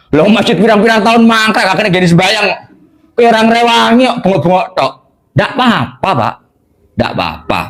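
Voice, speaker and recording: Male preacher, conversational lesson style, high and very animated delivery. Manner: conversational preaching, mixing Javanese and Indonesian, frequent "hah?" checks. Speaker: religious teacher. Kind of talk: religious lesson to a congregation.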